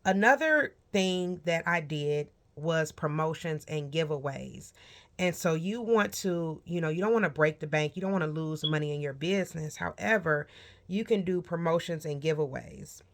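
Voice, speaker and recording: Speaking at a normal pace in a low voice, a woman in her forties addresses the camera casually as a small business owner. She's direct with viewers and encouraging, frequently asking "okay?" or "right?", and the recording quality is rough.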